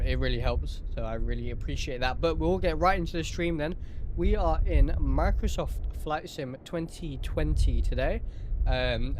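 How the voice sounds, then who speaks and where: A man's voice: mid-range voice, slight background noise. A man giving casual live-stream commentary on a flight simulator session, chatty, with many ums, thanking viewers by name.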